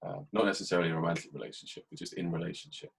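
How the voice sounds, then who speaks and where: An English man hosting a podcast, talking in a casual, reflective way and keeping a dry, even tone even when he jokes. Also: low-pitched, rapid-fire, creaky, breathy edge, poor audio. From England. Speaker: podcast host. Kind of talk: casual conversation.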